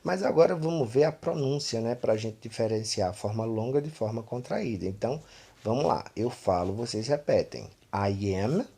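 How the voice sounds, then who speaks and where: With a medium-pitched, dark, husky voice and some vocal fry, this Pernambuco native explains English at a moderate pace, sounding animated. His Northeastern Brazilian accent comes through, and "né" and "tá" pop up nonstop.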